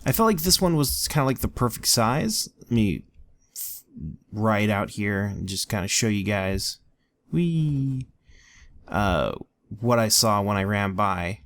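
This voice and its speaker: A man's voice: fairly low pitch, animated, unhurried, a bit bright. A man casually narrating a tour of a game world, rambling with lots of ums and likes. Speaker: let's play co-host. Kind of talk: casual gameplay commentary.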